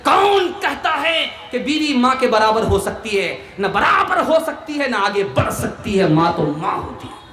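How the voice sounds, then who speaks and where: A man giving an impassioned sermon as an Islamic preacher at a religious gathering. He preaches in rhythmic, repeated phrases and rises to shouts. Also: very high voice, very animated, roomy sound.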